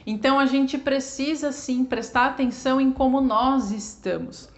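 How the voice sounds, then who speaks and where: A woman's voice: sits high, moderate pace, dull audio. A Brazilian woman explaining cat behavior in a chatty, informal way, often adding little tag questions and acting out what pet owners say. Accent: Brazilian Portuguese. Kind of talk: casual explanatory talk to camera.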